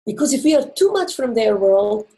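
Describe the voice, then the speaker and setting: Sing-song and warm, with vocal fry, her voice is on the high side. She is an interview guest with a Croatian accent, a native Croatian speaker, offering relationship advice in an earnest, explaining way with pauses for emphasis.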